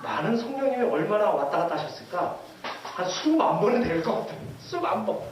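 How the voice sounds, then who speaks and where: A man with a strikingly high voice preaches a lively sermon, often turning to his congregation with questions. His voice rings around a church sanctuary and is caught from far off, with faint hiss underneath. The sound is hollow and roomy. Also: a little fast. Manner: lively, asks the congregation questions and leads readings. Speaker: pastor.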